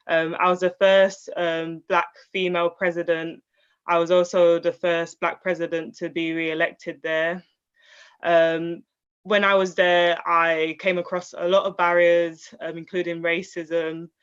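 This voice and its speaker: A woman, calmly introducing herself as a panel guest. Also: on the low side, clear, resonant tone, highs cut off.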